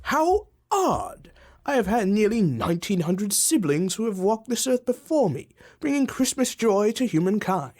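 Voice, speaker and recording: A woman voicing a jolly giant male Christmas spirit in a student radio drama, with a grand, booming, exclaiming manner. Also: sing-song, moderate pace, darkish tone.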